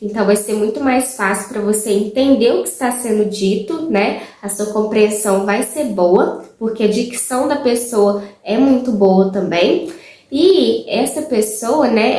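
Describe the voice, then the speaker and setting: A woman teacher giving casual study tips to viewers, chatty and warm with frequent filler words. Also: on the high side, measured pace, echoey room. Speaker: English teacher.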